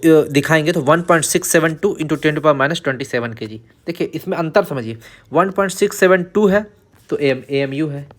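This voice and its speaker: Guy teacher going over chemistry for exams, kinda high voice, repeats the numbers a lot. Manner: explains step by step, repeats key figures, asks and answers his own questions. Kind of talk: exam-prep chemistry lesson.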